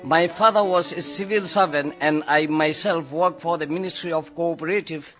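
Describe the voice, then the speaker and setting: A man reading a first-person testimony as a steady voice-over. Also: fairly high pitch, normal speed, muffled recording, soft background music.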